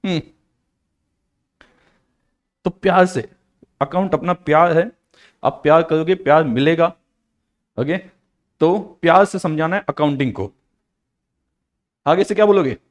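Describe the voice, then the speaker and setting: Playful, fairly high-voiced male teacher. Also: moderate pace, long pauses. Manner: playful and joking, mixes in English phrases. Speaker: accounts teacher. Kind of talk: live online lecture.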